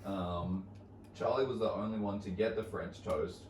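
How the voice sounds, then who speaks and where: A man with an Australian accent, a guest telling stories in an animated way during a casual comedy chat. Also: deep voice, moderate pace, recorded from a distance. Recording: roomy, off-mic, faint noise.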